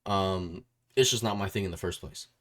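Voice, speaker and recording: A music YouTuber of Puerto Rican background hosts a casual interview in a low, fairly bright voice at a moderate pace. He rambles, repeats his phrases, and keeps checking in with a questioning tag.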